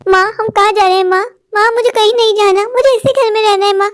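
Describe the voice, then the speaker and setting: A woman's voice: extremely high pitch, steady tone, fast. A woman doing a whiny little cartoon boy. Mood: upset. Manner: whiny, insistent. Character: small boy, anxious, whiny and insistent. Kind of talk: dubbed Hindi cartoon story.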